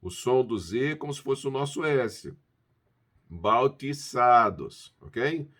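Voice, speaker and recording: A man giving a language lesson from Bible verses, repeating words slowly to model how they sound. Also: mid-range voice, expressive, a bit bright. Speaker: language teacher. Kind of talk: Bible-based pronunciation lesson.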